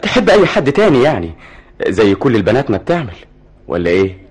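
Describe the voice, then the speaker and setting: Tense, evasive Egyptian young man, halting and snappish, lively swinging pitch, quick husky delivery, radio drama. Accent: Egyptian Arabic.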